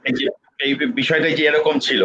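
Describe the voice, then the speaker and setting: A man's voice: fairly high pitch, steady tone, brisk, bright, forceful tone. A man moderating a live online training session, polite and hesitant with many fillers, heard over a video call. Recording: dull lo-fi call audio with faint noise.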